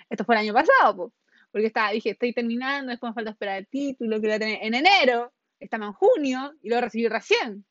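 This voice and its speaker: A woman's voice: a little high, no echo, lo-fi sound. A young woman with a Chilean accent tells a personal story in a casual monologue, rambling, scattered, full of slang and frequent laughter. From northern Chile. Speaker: podcast host.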